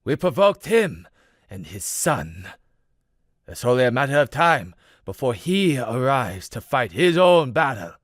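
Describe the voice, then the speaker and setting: A man's voice: medium pitch, big pitch swings, a little slow, no room sound, clean studio sound. A man voicing a harsh commanding tyrant. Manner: harsh, commanding, heavy accent. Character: tyrannical male world leader.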